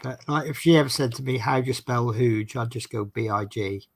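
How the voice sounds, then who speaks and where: A man with a Norfolk accent and a gravelly, creaky edge to his voice hosts a casual live chat. His talk rambles along in a jokey, self-deprecating way at a middling pitch. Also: a little fast. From Norfolk, England.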